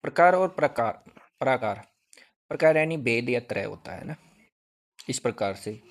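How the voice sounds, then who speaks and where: A man's voice: medium pitch, animated, moderate pace. A male teacher giving an exam-prep grammar lesson, repeating each point and asking questions that he answers himself. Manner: repetitive, drilling with question-and-answer.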